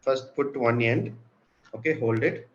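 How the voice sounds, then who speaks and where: A man's voice: medium pitch, a little slow. A man with an Indian accent teaching a craft step by step, explaining simply and patiently to children and checking that they follow. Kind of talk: step-by-step spoken tutorial. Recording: muffled, with clearly audible room noise.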